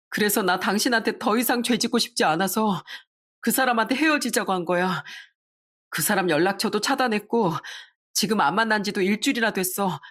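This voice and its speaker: A woman's voice: medium pitch, a bit bright, lightly acted. A woman voicing a guilty husband who apologizes and pleads, in story narration.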